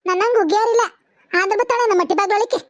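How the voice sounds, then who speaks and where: A woman's voice: very high voice, rapid-fire, no echo. A woman voicing a quarrelsome, foul-mouthed village mother in a cartoon. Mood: spiteful. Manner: abusive, quarrelsome. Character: sharp-tongued older village mother. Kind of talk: cartoon voice acting.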